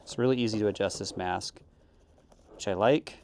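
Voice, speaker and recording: A man giving a casual, halting unboxing review, correcting himself as he goes. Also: on the low side, darkish tone. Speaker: product reviewer. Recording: noisy, with crinkling packaging and clicks.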